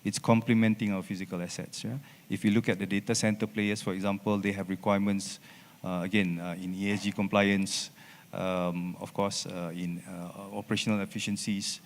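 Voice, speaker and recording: Low-voiced male panelist, hesitant, lots of fillers and tag questions, long hall reverb. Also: flat delivery, a little fast. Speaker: panel speaker. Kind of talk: panel discussion remarks. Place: conference hall.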